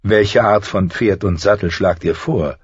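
A man voicing a gentle, learned older adviser who explains things mildly. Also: lowish voice, measured pace, breathy edge, no room sound. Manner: mild and explanatory. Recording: slightly dull audio.

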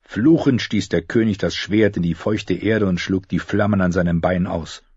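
A man narrating an audiobook in a steady, measured storytelling manner. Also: low voice, slightly rough, no room sound, muffled recording. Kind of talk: scripted narration.

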